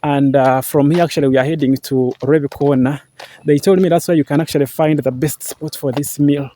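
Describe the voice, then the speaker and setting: The voice is brisk, warm, steady and on the high side, with slight background noise: a young Ugandan vlogger in Ugandan-accented English talking to camera as he walks through green farmland. He's earnest and repetitive, packed with fillers and thank-yous to his viewers.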